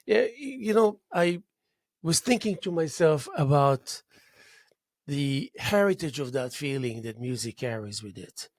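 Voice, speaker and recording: A man hosting a local talk show, warm in his words but halting, with many restarts. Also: a little high, animated, no echo. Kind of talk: interview.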